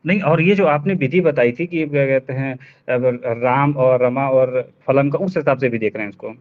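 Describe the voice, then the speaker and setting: A man student reciting answers in an online class, halting and hesitant, often repeating words. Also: mid-range voice. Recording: tinny phone-like call audio.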